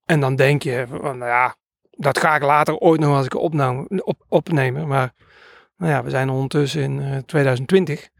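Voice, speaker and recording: A man's voice: medium pitch, fairly even intonation, normal speed, creaky, no room sound, clean studio sound. A man who records nature sounds, telling stories in a casual interview and rambling hesitantly with many filler sounds.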